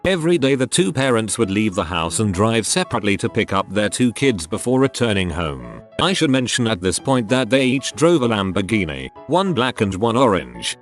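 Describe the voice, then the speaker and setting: Guy reading reddit stories out loud, lowish voice, steady delivery, a little music behind. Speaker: narrator. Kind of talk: scripted narration of online posts.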